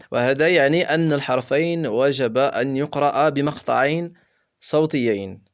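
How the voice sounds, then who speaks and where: A man teaching French pronunciation, spelling words out slowly letter by letter. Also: a little high. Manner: slow, deliberate letter-by-letter spelling. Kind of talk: pronunciation lesson.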